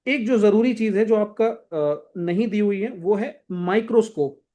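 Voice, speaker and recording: A man's voice: high voice, measured pace, mellow. Hindi-speaking man teaching exam prep. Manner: casual, directive, repeats "thik hai" to check in. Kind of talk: exam-prep lesson walking through a textbook.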